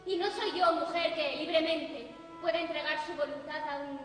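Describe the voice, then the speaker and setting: A coy young noble lady, as a woman plays her answers in a very high, bright voice. She is heard from far off in an echoing theatre, with music and an audience around. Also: steady tone, normal speed, natural voice. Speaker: stage actor. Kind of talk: classical verse theatre. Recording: echoey theatre stage from far off.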